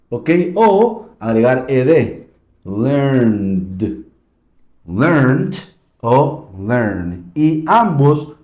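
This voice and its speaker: A man teaching a language lesson, slowly repeating each word form with a deliberate, falling stress. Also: on the high side, a little mellow, echoey room. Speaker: English teacher.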